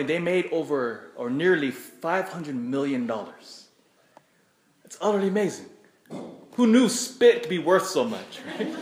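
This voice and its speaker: An American man preaching as a priest in church, addressing the congregation directly in a conversational way. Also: high-pitched. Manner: asks the congregation questions, repeats phrases. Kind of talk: Gospel reading and conversational homily. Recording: echoey church.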